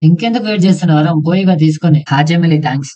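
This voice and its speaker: Rowdy cartoon man with fast crude banter. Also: on the high side. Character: bickering young village friends and bus folk. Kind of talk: cartoon comedy voicing. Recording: muffled, dull, noisy sound.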